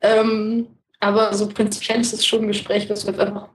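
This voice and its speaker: A woman's voice: mid-range voice, level tone, moderate pace, slight background noise. A woman co-hosting a podcast in casual conversation, rambling and correcting herself. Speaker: podcast co-host. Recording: roomy, distant from mic.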